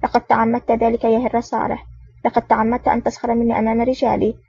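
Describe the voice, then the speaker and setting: A woman's voice: a little high, completely flat delivery, fast talker, dark tone, husky. A woman reading the lines of an arrogant, threatening male gang boss in an audiobook. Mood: resentful. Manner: barking, threatening. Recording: dull lo-fi audio.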